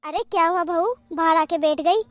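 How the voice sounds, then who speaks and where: Woman voicing a gentle, high cartoon mother-in-law. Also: moderate pace, dry recording. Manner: gentle, soothing. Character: kind older mother-in-law, gentle and forgiving. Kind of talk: cartoon voice acting.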